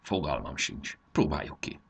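A man's voice: rumbling low, creaky, a bit bright, breathy edge, voice pushed down, heavily acted. A man reading a storybook aloud and voicing a cheerful, playful young schoolboy who laughs and boasts. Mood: unsure.

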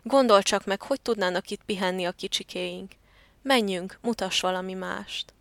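A woman's voice: medium pitch, no room sound, close to an everyday voice. A woman reading the lines of Gertrud, a fussy, hard-to-please female turtle dove who is looking for a home, in a storybook voice. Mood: alarmed.

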